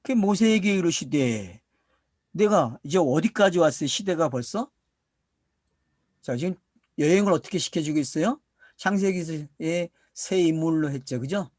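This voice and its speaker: A middle-aged man from South Korea preaches to his congregation with a fairly high, very animated voice that swings widely in pitch. He poses questions and answers them himself, drawing out key words for emphasis. The recording is dry and close. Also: measured pace, no echo. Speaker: pastor. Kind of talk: sermon, Bible teaching to a congregation.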